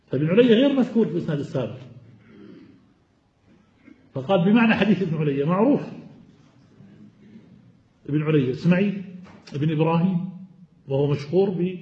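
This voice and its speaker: A man gives a classical text lesson, working through each point and quizzing his students before answering himself. His voice sits a little high yet sounds mellow. The recording is muffled and lo-fi, with heavy echo from the room. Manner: explanatory, poses questions to students then answers. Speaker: hadith teacher. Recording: echoey, dull lo-fi room recording.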